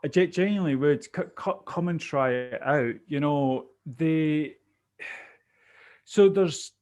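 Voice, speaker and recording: A man's voice: on the high side, slow pace, darkish tone. A man with a Glaswegian Scottish accent giving conversational interview answers as a business coach, often repeating words as he thinks aloud.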